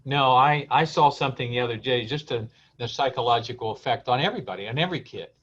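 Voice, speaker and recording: A man's voice: medium pitch, quick pace, a bit bright. A man hosting a casual live-stream interview in an informal, rambling, earnest way. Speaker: event host interviewing guests. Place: remote live video stream. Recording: dull, lo-fi call audio.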